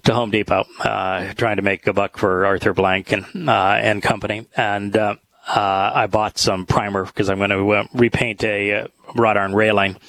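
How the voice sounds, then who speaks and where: Low-voiced man hosting a talk show. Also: flat delivery, a bit bright, low-quality recording. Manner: halting, thoughtful, with many pauses. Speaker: host. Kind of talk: talk show with scripture study.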